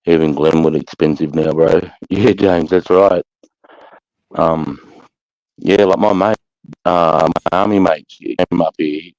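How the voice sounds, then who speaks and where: A man with a deep, slightly mellow voice and an Australasian accent chats casually as the host of a live chat, talking slowly with fairly even intonation. His style is blokey and slangy, and he swears freely. The recording has no echo and a dull lo-fi sound.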